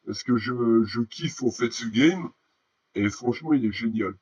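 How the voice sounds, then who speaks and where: A man's voice: mid-range voice, a little slow, darkish tone, breathy edge, dry recording, dull audio. A man giving casual, slangy commentary while showing a game he is playing. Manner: informal, slangy.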